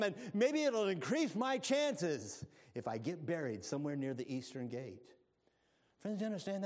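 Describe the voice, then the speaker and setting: A male preacher giving a sermon, animated and engaging, moving from hushed asides to loud exclamations and calling on the congregation to answer. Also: high-pitched. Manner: calls on the congregation to respond.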